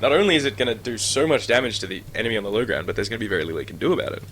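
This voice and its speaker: Lively-voiced man co-casting, dry wit. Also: on the low side, rapid-fire, slight background noise. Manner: dry, wry banter. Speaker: co-commentator. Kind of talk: live esports commentary.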